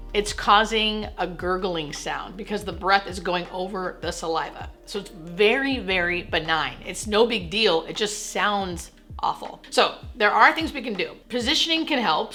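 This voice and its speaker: Female educator, nurse presenting to camera, forward bright tone, reassuring and direct delivery over light music. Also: medium pitch. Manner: plain-spoken, reassuring explainer. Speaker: hospice nurse and educational video host. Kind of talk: explanatory talk to camera.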